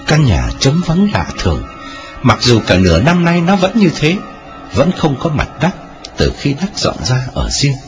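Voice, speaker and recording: A man's voice: huge pitch swings, moderate pace. Dramatic male ghost-story narrator. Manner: dramatic storytelling with wide swings in pitch. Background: music.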